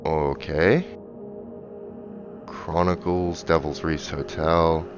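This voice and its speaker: A man's voice: extremely low pitch, fairly even intonation, very slow, dull audio. A man giving casual game commentary as a let's play host, thinking aloud as he goes. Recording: music under the voice.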